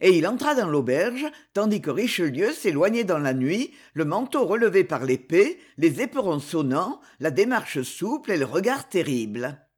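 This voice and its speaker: Brief: husky male storyteller, high voice, very lively pitch. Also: normal speed, few pauses. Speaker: narrator. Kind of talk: dramatic audiobook narration.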